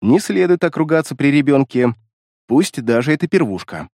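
Expressive male fantasy audiobook narrator. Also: a little high, moderate pace, dry recording, studio quality.

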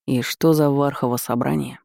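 A man voicing a curt, sarcastic dark magister in a fantasy audiobook. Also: medium pitch, fairly even intonation, moderate pace, gravelly, no echo, clean studio sound, natural voice. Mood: gruff. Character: gruff grim male dark magister.

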